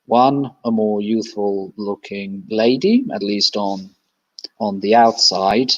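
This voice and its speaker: A man narrating and playing a tabletop game in a relaxed, halting way. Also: lowish voice. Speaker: player. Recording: dull lo-fi.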